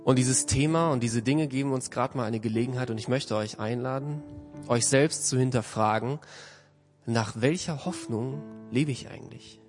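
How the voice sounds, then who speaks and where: A man delivers a sermon with earnest, measured phrasing, often letting his sentences sink into a softer close. His voice sits at an ordinary middle pitch. Quiet music plays faintly behind him. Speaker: preacher.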